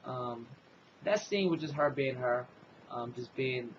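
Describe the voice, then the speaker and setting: Male host for a casual comic review, rambling and filler-heavy, mid-range voice, dull lo-fi sound with steady background noise. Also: medium pitch, slow pace. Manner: rambling retelling with many fillers and "basically".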